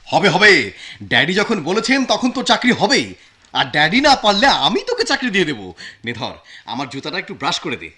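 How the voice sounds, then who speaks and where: An actor playing an arrogant, spoiled young son-in-law who bosses a poor relative around, in a television drama. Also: male voice, medium pitch, very animated, fast talker, sharp tone. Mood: bossy. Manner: haughty, bossy, then rattled.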